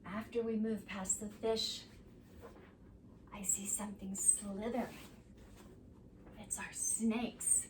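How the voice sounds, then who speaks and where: A woman leading a preschool yoga class, giving gentle, sing-song prompts to children. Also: medium pitch, little pitch movement, slow pace, pauses often, noisy background. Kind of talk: guided kids' yoga instruction. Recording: echoey room, mic at a distance.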